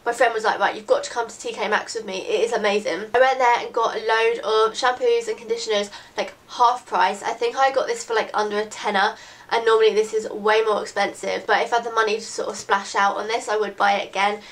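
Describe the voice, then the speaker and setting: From her bedroom, a girl in her late teens with a slightly high voice talks casually to her camera, which sits in front of her at desk distance. A beauty vlogger, she sounds congested from a cold and speaks a little fast with fairly even intonation. Her chat is friendly and rambling, packed with "like" and "really, really."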